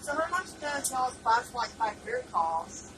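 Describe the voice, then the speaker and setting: A woman's voice: fairly high pitch, very animated, unhurried, recorded from a distance. A woman, driving a fire truck, chatting and asking questions, heard on old camcorder audio. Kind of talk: casual chat. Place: inside a moving fire truck. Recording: noisy camcorder audio from across a truck cab.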